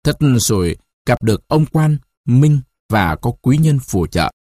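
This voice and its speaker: Man doing a calm female fortune teller, slow and sing-song, storybook. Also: medium pitch, dry recording, clean studio sound. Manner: unhurried, chanting.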